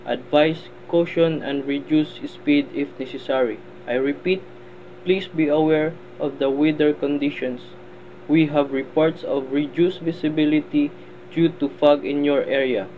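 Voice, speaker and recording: An actor playing a composed male vessel traffic controller, speaking in formal, clipped radio procedure over a marine VHF radio. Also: fairly high pitch. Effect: marine VHF radio transmission. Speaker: vessel traffic service operator. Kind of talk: scripted radio procedure dialogue. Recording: tinny radio line with faint hiss.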